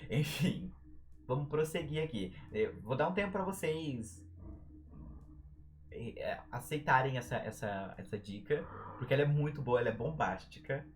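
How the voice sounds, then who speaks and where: A young Brazilian man with a Brazilian Portuguese accent runs a relaxed live-stream writing lesson. He jokes around, and his pitch swings widely as he talks. He stretches syllables out long to make a point. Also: moderate pace. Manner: playful, jokey, drags out syllables for emphasis. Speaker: writing tutor.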